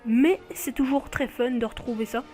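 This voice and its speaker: A woman's voice: a little high, fairly even intonation, moderate pace, mellow, soft background music. A woman hosting a casual video showcase of game cards, chatting and often correcting herself mid-sentence. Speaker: video host.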